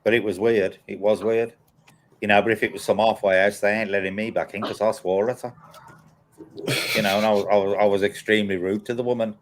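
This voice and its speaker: The fairly deep-voiced host of a paranormal live chat tells his personal anecdotes in a blunt, repetitive, flat way, a little fast, as though to regular followers. Slight background noise is audible in this casual chat.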